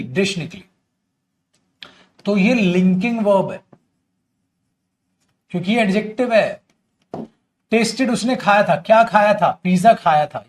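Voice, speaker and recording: High-voiced man teaching English in Hindi. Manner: chatty, coaxing students with bhaiya and beta; mixes Hindi with English examples. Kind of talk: online class lecture. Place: at home or in a studio, drinking tea while teaching.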